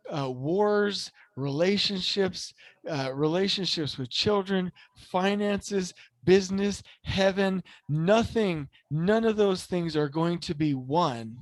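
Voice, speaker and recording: A man's voice: high-pitched, takes it slowly, no room sound. A man hosting a casual motivational podcast, talking earnestly and at length with many restarts and fillers, growing impassioned. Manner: grows impassioned and emphatic. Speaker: podcast host.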